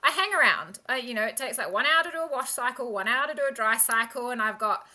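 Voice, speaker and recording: A woman guest, a maritime professional, chatting frankly and telling lively stories in an interview. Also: on the high side, quick pace. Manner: lively storyteller who acts out quoted people; frank and candid. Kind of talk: casual interview chat.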